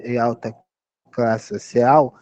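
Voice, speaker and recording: A man's voice: mid-range voice, level tone, slow, darkish tone. A man with a Brazilian Portuguese accent teaching English phrases, patiently repeating and spelling out words.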